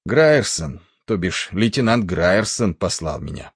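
Brief: man doing a big, coarse stoker, scornful and defiant, husky, dry close sound. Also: sits low, very animated, a little slow, no room sound, heavily acted. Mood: gruff. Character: big coarse angry male ship's stoker.

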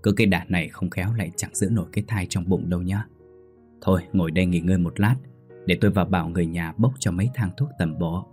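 A man voicing an older male herbal doctor giving calm, concerned advice. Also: low voice, quick pace, faint music behind, natural voice.

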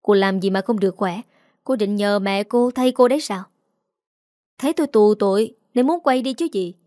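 A woman's voice: medium pitch, normal speed, dark tone, dry recording, clean studio sound, natural voice. A woman voicing a bitter young husband just out of jail in a storybook reading, resentful and accusing.

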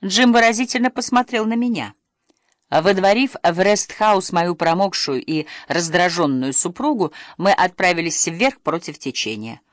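An audiobook narrator reading a first-person story with expressive storytelling. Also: medium pitch, moderate pace, dry recording, studio quality.

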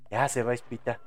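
Mexican guy in his 30s hosting a late night podcast, swears a lot, laughs a lot, quiet music under him. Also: mid-range voice. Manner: swearing, laughing, animated slang-heavy rambling. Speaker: podcast host. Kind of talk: casual live-show chat reading audience posts.

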